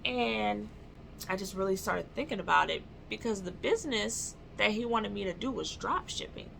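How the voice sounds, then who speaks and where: A woman's voice: mid-range voice, lively intonation, moderate pace, creaky, a bit bright, a little hiss or hum. A woman in her twenties telling an indignant storytime in a vlog, with music underneath. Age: 20s. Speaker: vlogger.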